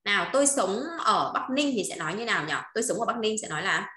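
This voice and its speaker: A woman's voice: mid-range voice, lively intonation, quick pace, pushed and bright, roomy sound. A woman teaching a language lesson, repeating phrases and often checking that students follow. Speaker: Chinese teacher.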